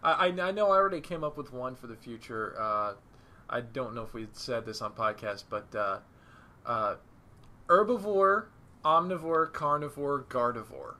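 A male podcast host with a bright, forward voice at a middle pitch. He talks loosely, fishing for puns and padding sentences with fillers as he goes. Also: normal speed. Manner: punning, hesitant with many uh fillers. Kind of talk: casual podcast chat.

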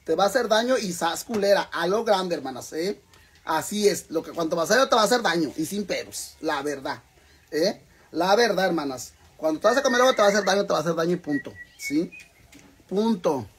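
A man with a high, animated voice and a breathy edge talks a little fast on his cooking live stream. His Mexican Spanish accent colors the casual, rowdy chatter, full of free swearing and calls to his "hermanas."

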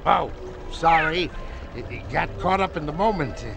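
An actor playing a doddering, good-natured old superhero with an absent-minded, muddled manner, in a cartoon game. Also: male voice, on the high side, animated, normal speed. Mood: distracted. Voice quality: creaky elderly voice. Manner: absent-minded professor type, muddled and rambling. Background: music.

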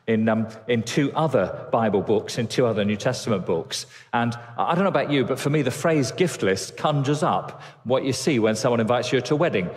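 An older man preaching an earnest sermon from a church stage, speaking into a headset mic. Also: fairly low pitch. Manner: expansive gestures, earnest. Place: church stage with drum kit. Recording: reverberant church hall.

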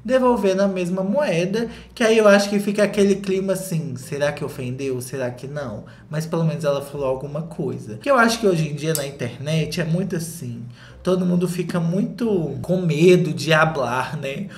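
A young man with a Brazilian Portuguese accent, delivering gossip commentary for his vlog in a theatrical, sassy way, jumping into high mocking voices. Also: normal speed, slight background noise. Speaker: commentary YouTuber. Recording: echoey room with faint music.

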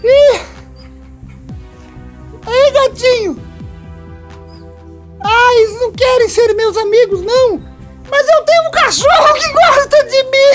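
A tiny male toy doll with a Brazilian Portuguese accent speaks in an extremely high, squeaky voice, dragging his words out slowly in a whiny, tearful, plaintive plea punctuated by frequent giggles. Needy and eager for friends, he provides comic voice-over for a home video, with faint music in the background.

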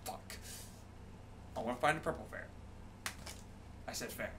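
A man's voice: medium pitch, measured pace. A man in his twenties giving an informal, rambling, sweary video-blog talk in a room at home. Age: 20s. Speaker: gaming video creator. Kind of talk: casual rambling vlog. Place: home bedroom, indoors. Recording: clear background noise.

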